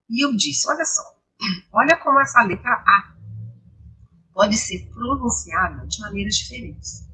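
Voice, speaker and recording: A woman from Brazil teaching English online, mixing in Bible reflections, explaining patiently and asking her class rhetorical questions, her voice a little hoarse. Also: medium pitch, pushed and bright, low-quality recording. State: slightly hoarse, coughing. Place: home, live stream.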